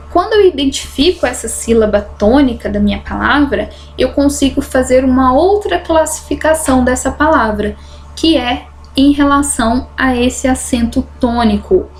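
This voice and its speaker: A woman teaching a grammar lesson, explaining patiently and drawing out example words slowly. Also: on the high side, a little hiss or hum. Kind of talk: recorded online grammar lesson.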